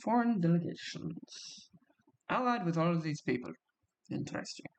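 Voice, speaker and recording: A man's voice: on the high side, animated, normal speed. A man casually commenting as he plays a strategy game, reacting aloud with small gasps and laughs as things happen. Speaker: gaming YouTuber.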